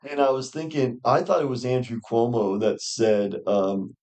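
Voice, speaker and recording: A podcast co-host with a mid-range voice, chatting casually. The delivery is slangy and sarcastic, tossing off quick jabs mid-conversation. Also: mid-range voice, animated, a little mellow.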